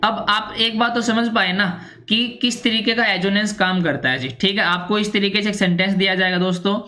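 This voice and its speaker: Woman, English teacher, patient and repetitive explainer, mid-pitched voice. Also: brisk, bright, forceful tone. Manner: repetitive, with constant "theek hai" and "ji" fillers. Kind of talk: explanatory lesson.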